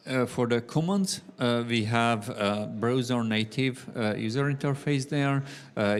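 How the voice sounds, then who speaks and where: Low-voiced Hungarian-accented man presenting. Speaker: conference speaker. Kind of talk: technical presentation.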